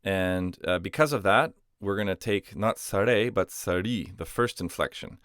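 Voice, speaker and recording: A man's voice: deep voice, lively intonation, normal speed, a bit bright, clean tone, no echo, studio quality. A man explaining a grammar lesson patiently, step by step, with some "uh"s and restarts. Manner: patient, step-by-step explanations with frequent "uh" and self-corrections. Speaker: language teacher.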